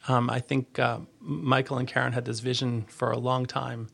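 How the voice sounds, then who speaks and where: A man giving a conversational podcast interview as an agency leader, earnest and halting, often rephrasing as he goes. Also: mid-range voice, little pitch movement, vocal fry, fairly bright tone, husky.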